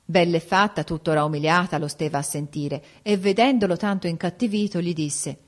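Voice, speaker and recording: A woman reading an old folk tale aloud as an audiobook narrator, in a steady storytelling manner. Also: on the low side, a little fast.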